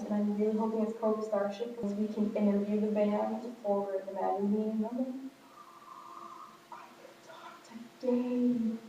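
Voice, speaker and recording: Young woman echoing in a big hall. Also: mid-range voice. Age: young adult. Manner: rambling, animated retelling with quoted dialogue. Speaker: college student vlogger. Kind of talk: casual chatty video diary. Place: echoey indoor space in a college dorm, with passers-by. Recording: big echoing hall, distant mic, dull, hum.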